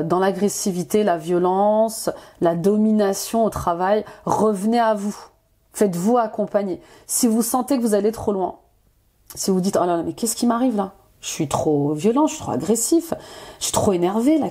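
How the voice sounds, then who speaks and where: A woman's voice: on the low side, warm tone. A woman giving an earnest, casual tarot reading straight to her viewers, with many fillers and restarts. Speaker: intuitive life coach, tarot reader.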